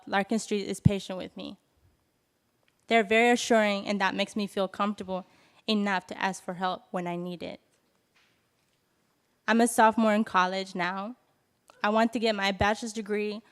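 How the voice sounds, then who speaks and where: Nervous young woman from Ethiopia, smooth voice. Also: medium pitch. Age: 20s. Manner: halting, with self-corrections. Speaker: youth speaker at a press event. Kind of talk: nervous prepared speech.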